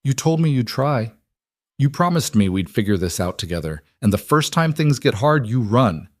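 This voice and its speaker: A man's voice: medium pitch, big pitch swings, normal speed, no echo, studio quality, pitched above the performer's own voice. A man putting on a heated, pleading young woman. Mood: raw. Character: distraught young woman, fierce, desperate in love.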